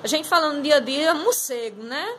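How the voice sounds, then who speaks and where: A woman's voice: sits high, a little fast, bright, forceful tone, slight background noise, low-quality recording. A woman teacher going over a class exercise, patiently explaining step by step and drawing out words. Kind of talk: recorded class lesson correcting exercises.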